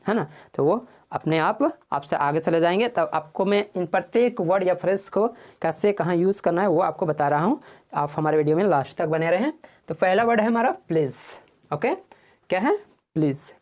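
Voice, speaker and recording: A man giving a spoken English lesson. He asks the class questions, answers them himself and says English phrases slowly, word by word. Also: on the high side, darkish tone.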